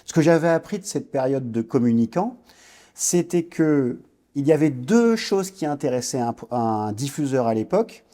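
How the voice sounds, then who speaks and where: A man's voice: medium pitch, expressive, moderate pace, warm tone. A man in his forties from French Guiana, a guest entrepreneur recounting his career in an interview, hesitating and restarting often. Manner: reflective storytelling, frequent hesitations and restarts. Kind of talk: podcast interview.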